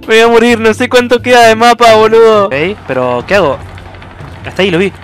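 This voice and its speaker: A man's voice: high-pitched, brisk, faint music behind. A young man with an Argentine accent, commenting in a panic as he plays a horror game and swearing often. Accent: Argentine Spanish. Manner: jumpy, panicky, swears a lot. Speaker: gaming youtuber.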